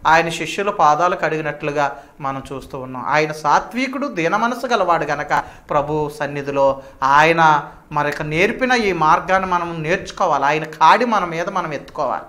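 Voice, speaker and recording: A man preaching a sermon as a pastor, fervent, rising to loud declamation as he addresses listeners as children. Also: fairly high pitch, normal speed.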